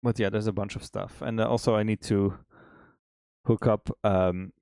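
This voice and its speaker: A man, an indie game developer, chatting casually on a stream, relaxed and laughing often. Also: fairly low pitch, normal speed, creaky, clean tone, dry recording. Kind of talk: casual chat on a dev stream.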